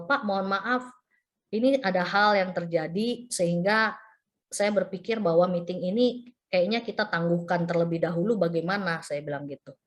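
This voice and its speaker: A woman preacher giving a sermon as a personal story, acting out the phone calls and messages she describes. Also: mid-range voice.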